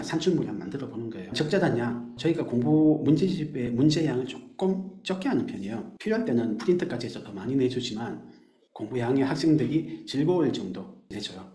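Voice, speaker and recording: A man teacher explaining his math classes to parents, animated, acting out quick scenes of teachers and students. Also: medium pitch, echoey room.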